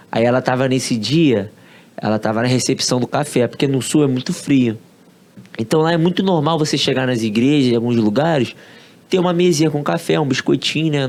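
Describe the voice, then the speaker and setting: Carioca man telling a story casually. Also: medium pitch. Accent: Carioca Brazilian Portuguese. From Rio de Janeiro, Brazil. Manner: slangy, relaxed, acts out quoted dialogue. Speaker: podcast guest.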